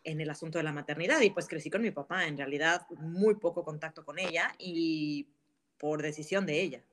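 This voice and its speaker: A woman, a guest telling stories in a casual interview in a candid, animated way, laughing often. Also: low-pitched, fairly quick.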